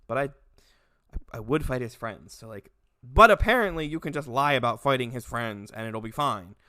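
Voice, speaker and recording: Young man, casual comedy vlog, animated rants, swearing, dry close sound. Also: medium pitch, no echo. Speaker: video creator.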